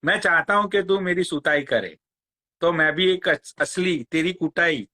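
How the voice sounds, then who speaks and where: A man, ranting on a phone live stream in a slow, crude, mocking way. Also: on the high side, sharp tone. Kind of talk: angry rant on a live stream.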